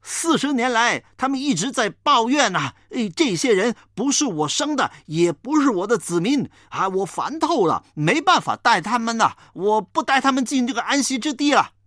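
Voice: mid-range voice, very animated, normal speed, hardly any pauses, a bit bright, no echo, studio quality, pitched above the performer's own voice. A preacher voicing Moses as an exasperated old leader who has had enough of the people's complaining. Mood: fed up. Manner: complaining, angry outbursts.

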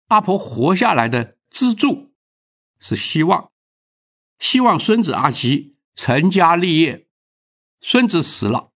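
A man's voice: medium pitch, fairly bright tone. A man telling a moral story as a sermon, in an earnest, exhorting way. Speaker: preacher.

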